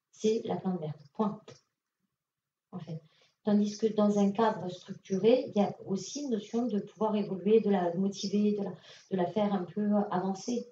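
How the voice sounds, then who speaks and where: French medium, casual, in an echoey hall. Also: female voice, mid-range voice, dark tone, a little hiss or hum. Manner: casual, direct, many fillers. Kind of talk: public mediumship reading. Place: conference hall. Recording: echoey hall, distant lo-fi mic.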